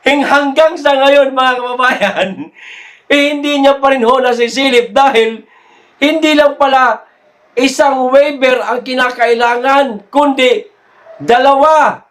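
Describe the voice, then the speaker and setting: Slow, teasing high-voiced man. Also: fairly even intonation, a bit bright. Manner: teasing, laughing often, slow drawn-out delivery. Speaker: political commentary vlogger. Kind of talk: casual commentary to viewers.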